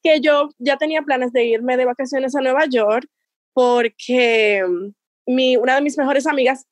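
A woman from the Caribbean, in her thirties, tells a personal story as a guest. Her voice sits high, and she laughs often. The recording is dry and close. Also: a little slow, no echo. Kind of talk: casual interview.

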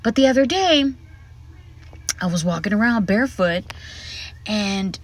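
A woman's voice: medium pitch, expressive, a little slow, a little hiss or hum. A woman hosting her podcast from inside a hotel room closet, chatting frankly and with plenty of swearing. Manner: frank, profane, chatty storytelling. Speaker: podcast host. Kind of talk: casual solo podcast monologue. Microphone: podcast mic set up in the closet.

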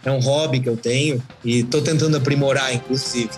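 A man's voice: medium pitch, steady tone, brisk, over music. A man chatting as a podcast guest, telling rambling travel stories with folksy asides. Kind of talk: casual podcast chat.

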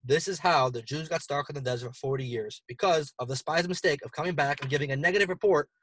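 A man co-hosting a podcast, retelling a scripture story in a casual, animated way and acting out the quoted lines. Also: fast talker, slight background noise. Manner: animated, acts out quoted lines with big jumps in pitch. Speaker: podcast co-host explaining the weekly Torah portion.

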